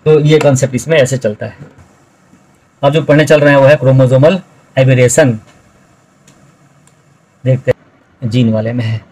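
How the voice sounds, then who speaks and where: A middle-aged male biology tutor talks through his notes in a level, even tone that barely rises or falls. He walks students through each point deliberately and repeats the key terms. His voice sits at an ordinary middle pitch. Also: low-quality recording. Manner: explains step by step, repeats key terms, addresses students directly. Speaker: biology teacher. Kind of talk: recorded video lecture explaining notes.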